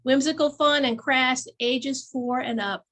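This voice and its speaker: A woman's voice: high-pitched, steady tone, measured pace, fairly bright tone. A woman co-hosting a casual local events chat, talking easily, laughing often and reading out event blurbs. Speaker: chamber of commerce co-host.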